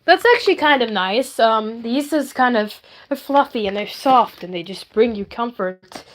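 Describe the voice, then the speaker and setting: Her voice is a little high and moves at normal speed, though the recording quality is low. She's hosting a laid-back livestream, showing handmade puppets and rambling in a silly, playful way.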